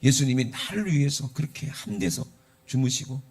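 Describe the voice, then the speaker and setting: A man's voice: mid-range voice, lively intonation, normal speed, a little mellow. A middle-aged male pastor, preaching conversationally with rhetorical questions. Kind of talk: sermon.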